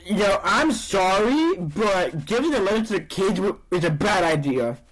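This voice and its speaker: A man's voice: high voice, very animated, moderate pace, a bit bright, low-quality recording. Sniffly man co-hosting a podcast. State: sniffly from allergies. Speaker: podcast co-host. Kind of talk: casual chat.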